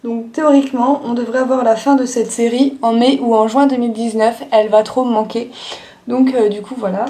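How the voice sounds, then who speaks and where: A woman's voice: fairly high pitch, steady tone, brisk, warm tone. A young woman showing her monthly manga purchases in a casual haul video, chatting with frequent fillers and restarts. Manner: chatty, lots of "euh" and "du coup" fillers.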